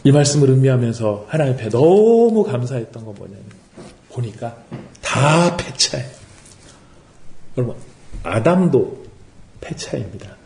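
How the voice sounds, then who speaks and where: A man's voice: medium pitch, measured pace, vocal fry, long pauses, a little hiss or hum. Male pastor preaching, voice jumps up and down a lot, roomy echo. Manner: animated preaching, rhetorical questions, acts out quotes. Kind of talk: sermon. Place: worship service room.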